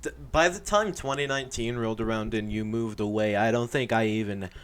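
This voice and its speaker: A man's voice: fairly low pitch, a little fast, fairly bright tone, smooth. A young man co-hosting a casual podcast chat on a voice call, dry and joking. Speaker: podcast co-host. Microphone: home mic on a voice call.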